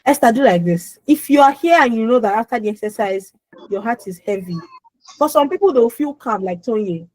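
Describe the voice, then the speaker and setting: A woman's voice: a little high, lively intonation, fairly quick, a little mellow, no echo, poor audio. Woman, healing coach on a video call, soothing and pleading, dry close sound. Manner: soothing, pleading and reassuring, addresses attendees by name. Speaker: conference host and emotional healing coach. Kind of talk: live online coaching session.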